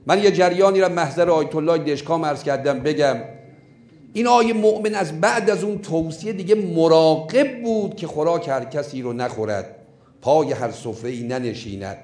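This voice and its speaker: A man preaching a sermon as a story, telling it in an emphatic way and slowing down on key points. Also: on the high side, a little mellow, roomy sound.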